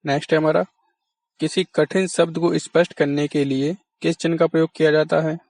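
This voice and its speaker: A man's voice: a little high, level tone, brisk, gravelly, darkish tone, no room sound. Patient male teacher, dry close sound. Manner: patient, asks and answers his own questions. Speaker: exam-prep teacher. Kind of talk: explanatory lesson.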